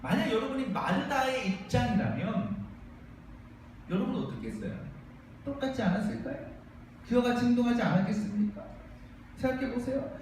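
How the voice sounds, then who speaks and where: A man's voice: extremely high pitch, sing-song, fairly quick, long pauses, darkish tone, slight background noise. A man preaching a sermon as pastor, asking the congregation questions and acting out the lines of the people he quotes. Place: church sanctuary. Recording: very echoey room, mic far off.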